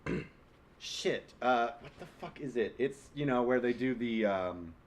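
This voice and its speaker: Animated young man, blunt and playful. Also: medium pitch, measured pace. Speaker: podcast co-host. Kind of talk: casual chat.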